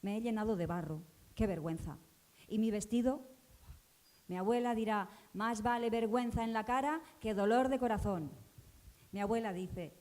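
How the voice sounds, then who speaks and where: A woman's voice: mid-range voice, dark tone, close to an everyday voice. A woman voicing Valentina, a poor village girl remembering her childhood, in a breathless, childlike theatre reading. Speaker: actor in a stage reading.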